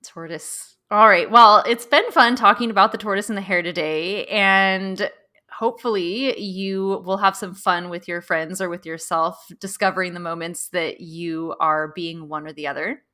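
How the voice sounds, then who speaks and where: Woman podcast cohost, bright sharp voice, chatty and playful, laughs a lot. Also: on the low side, fairly even intonation, normal speed. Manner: playful, laughs often, acts out quotes. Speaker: podcast co-host. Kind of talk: casual chat.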